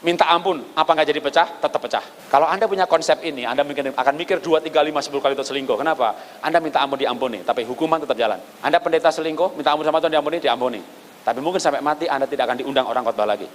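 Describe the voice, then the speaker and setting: A man with an Indonesian accent preaching a sermon, animated, asking rhetorical questions and dropping low for emphasis. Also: rapid-fire, slight background noise. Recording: long hall reverb.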